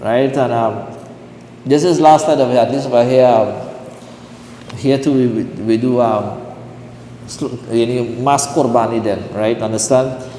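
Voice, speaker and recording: A man's voice: mid-range voice, measured pace, long pauses, mellow. A man, a mufti, teaching Islamic law in a lecture class, who keeps checking his listeners with "right?" and "what?". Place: mosque hall. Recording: roomy hall echo, faint hiss.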